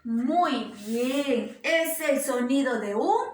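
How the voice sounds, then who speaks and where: A woman giving a slow, coaxing lesson to small children, asking them questions again and again in a sing-song way. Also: high-pitched, animated, a little mellow. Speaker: preschool teacher. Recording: roomy echo.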